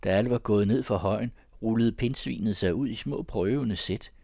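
Deep-voiced man reading a novel. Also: vocal fry, warm tone. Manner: measured storytelling. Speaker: narrator. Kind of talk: reading literary fiction aloud.

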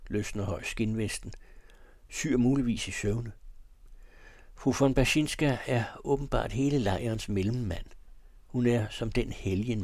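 A man reading a literary text aloud on the radio at a measured, even pace, then presenting the next item. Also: on the low side, no echo.

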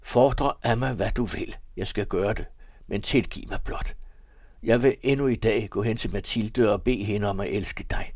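A man's voice: on the low side, a little mellow, no room sound, clean studio sound. A man voicing a desperate, remorseful young man who pleads in a raised voice while reading a novel aloud. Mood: pleading.

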